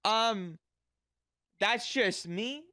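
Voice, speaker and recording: A livestreamer chatting casually with viewers in a cute anime-streamer manner, animated and sweary, with bubbly delivery. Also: mid-range voice, drawn-out words.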